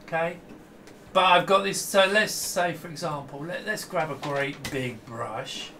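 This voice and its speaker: A middle-aged man hosts a casual, enthusiastic hands-on demo of a vintage computer to camera, rambling and often breaking off mid-sentence. His voice is on the high side at a measured pace, with a noisy background. He is in a small room at home filled with computer gear.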